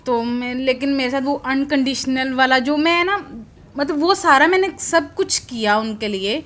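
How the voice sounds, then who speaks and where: A woman's voice: sits high, fairly bright tone. A woman sharing a personal testimony about her office work in a prayer session, in a rambling, hesitant way with many restarts.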